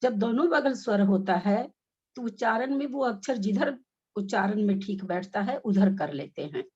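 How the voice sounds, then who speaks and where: A woman's voice: medium pitch, a little mellow, slightly rough. A woman teaching a class on a video call, coaching the group through careful, syllable-by-syllable recitation. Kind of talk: online recitation lesson. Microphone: phone on a video call. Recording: dull lo-fi video call audio.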